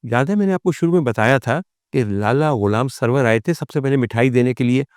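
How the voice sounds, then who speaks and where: In a clean, dry studio recording, a vlog host with a Pakistani accent narrates film history as a storytelling monologue. He speaks fairly quickly at medium pitch with a smooth voice, delivering it theatrically and formally with rhetorical questions, formal addresses to viewers, and English phrases woven in.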